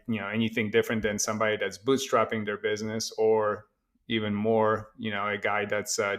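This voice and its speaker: Flat-toned man, relaxed and hesitant. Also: on the low side. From Poland. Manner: relaxed, hesitant with many fillers. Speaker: guest, tech company founder. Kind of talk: casual interview conversation.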